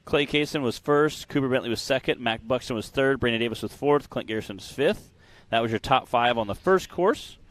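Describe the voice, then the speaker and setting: A man's voice: medium pitch, brisk, few pauses, dry recording. A young man doing casual live race commentary, playful and jokey. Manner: playful, jokey, drops to whispers for gags.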